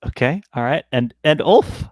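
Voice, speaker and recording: A man narrating a tabletop role-playing game as game master, halting and often repeating words as he goes. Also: fairly high pitch, animated, darkish tone, no room sound, studio quality.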